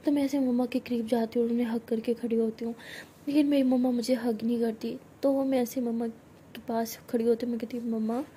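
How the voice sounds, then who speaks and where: A young woman narrating a personal love story in first person, acting out the dialogue in a soft, hushed voice. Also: fairly high pitch, little pitch movement, fairly quick, a little hiss or hum.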